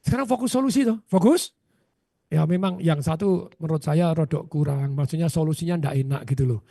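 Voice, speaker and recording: A man leads a motivational seminar and keeps asking the crowd rhetorical questions. His voice sits high and gravelly with a husky grain. It sounds close and dry. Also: fairly quick, no echo. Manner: animated, with frequent rhetorical questions to the audience. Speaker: seminar speaker.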